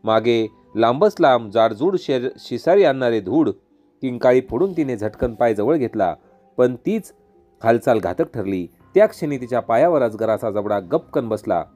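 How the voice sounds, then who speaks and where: A man tells an old epic in a mellow, dark-toned voice. His delivery is dramatic and rhythmic. Soft music plays quietly underneath. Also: mid-range voice, lively intonation, moderate pace. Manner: dramatic, vivid, rhythmic storytelling. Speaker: storyteller. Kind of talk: devotional epic story narration. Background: faint music.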